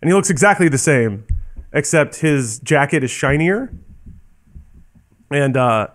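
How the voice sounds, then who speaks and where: A man's voice: a little high, animated, unhurried. A man playing in a tabletop game, who jokes crudely and narrates his character's actions. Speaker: player. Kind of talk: casual tabletop game chat.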